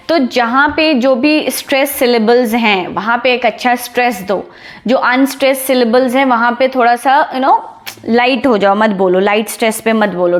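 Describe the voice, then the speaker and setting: A young woman teaching public speaking to camera in a casual, energetic way, checking in with her listeners after almost every point. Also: on the high side. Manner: energetic, chatty, asks "ठीक है?" after each point.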